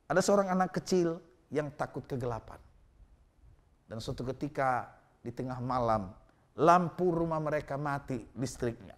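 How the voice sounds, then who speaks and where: A male pastor preaching a sermon to an online congregation. He swings between loud, emphatic exhortation and quiet, low storytelling, and speaks straight to his listeners. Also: expressive, moderate pace. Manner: addresses listeners directly as brothers and sisters. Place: church, recorded for an online home service.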